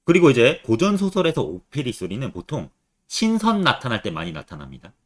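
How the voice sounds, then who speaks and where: Male exam-prep lecturer, lively pitch. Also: brisk. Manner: quizzes students with rhetorical questions. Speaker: Korean literature teacher.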